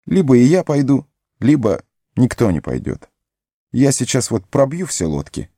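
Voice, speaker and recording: A man's voice: very animated, normal speed, warm tone, no echo, studio quality. A man voicing a loyal, fretful young male hobbit servant in an audiobook, pleading and tearful in a raised voice. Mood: stubborn. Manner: high pleading, sobbing, breathless. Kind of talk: audiobook character voice.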